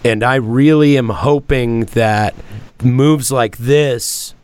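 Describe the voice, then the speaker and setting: A man's voice: medium pitch, takes it slowly, a little mellow, smooth. A man hosting a podcast in a casual, profane way, often repeating words as he gathers his thoughts. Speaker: podcast host. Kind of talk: casual chat.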